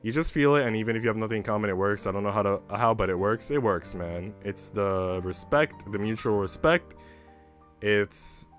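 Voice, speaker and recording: A man runs a livestream, chatting candidly with viewers and swearing casually here and there while music plays in the background. His pitch is fairly low and his speed is normal.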